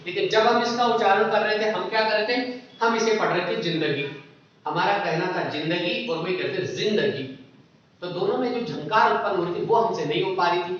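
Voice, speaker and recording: A man's voice: high voice, a little fast, fairly bright tone, heavy reverb, far from the mic, lo-fi sound. A man teaching a Hindi grammar lesson for exam prep. He asks questions and answers them himself, and he keeps repeating the key terms.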